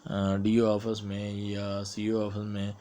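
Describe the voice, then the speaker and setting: Pakistani-accented man, a teacher explaining exam questions, lowish voice, faint noise behind. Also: monotone, warm tone. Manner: explains step by step, mixing English terms into Urdu, reads questions aloud slowly. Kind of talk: explanatory exam-prep lecture.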